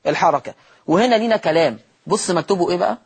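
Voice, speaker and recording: An animated Egyptian man with a high, husky voice rattles off a TV lesson on Quran recitation at rapid-fire speed. He draws out and repeats every example word, then answers his own questions.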